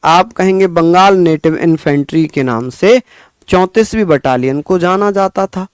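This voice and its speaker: A man teaching a history lesson, repeating key facts slowly for his students to memorize. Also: high-pitched, clean tone, dry recording. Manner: scolding but caring pep talk. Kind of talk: exam-prep history lesson.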